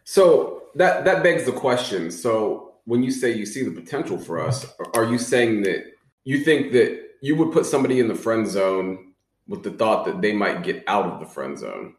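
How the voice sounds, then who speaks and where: A man appearing as a podcast guest, speaking in a measured, thoughtful way with frequent fillers. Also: on the low side, lively intonation. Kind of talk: casual chat. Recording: roomy echo.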